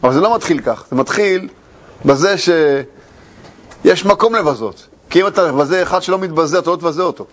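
A man teaching as a Torah teacher, retelling a tale in an expository lecture, animated and full of rhetorical questions and repeated phrases. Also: a little high, slight background noise.

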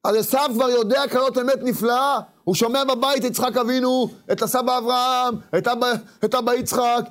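A man giving an animated sermon, acting out inner voices and calling out at times. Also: very high voice. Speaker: rabbi.

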